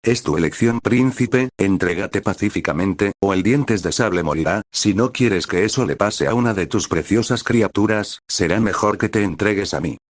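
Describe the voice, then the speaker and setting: A stubborn orc warrior leader threatens and mocks in a fantasy audio story, as a man reads the part. The voice is deep and low. It sounds dry and close to the mic. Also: moderate pace, hardly any pauses, no echo, close to an everyday voice. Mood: menacing. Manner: threatening, mocking.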